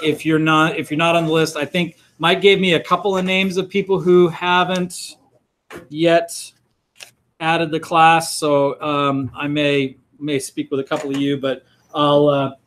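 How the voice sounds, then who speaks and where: Guy teaching a college class, kinda high voice, lots of ums and restarts, classroom lecture vibe. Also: fairly bright tone. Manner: casual and rambling, many fillers and restarts. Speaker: college instructor. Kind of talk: classroom lecture, taking roll call.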